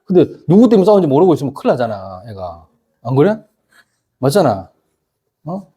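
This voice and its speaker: A middle-aged pastor preaching a casual youth sermon, constantly asking the congregation whether they agree. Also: male voice, on the high side, sing-song, brisk, warm tone, slightly rough. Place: church youth service.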